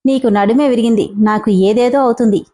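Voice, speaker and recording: A woman's voice: on the high side, fairly even intonation, brisk, warm tone, natural voice. A woman voicing a playful, teasing male college student in a spoken storybook. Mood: musing. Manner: teasing, mock-scared, light.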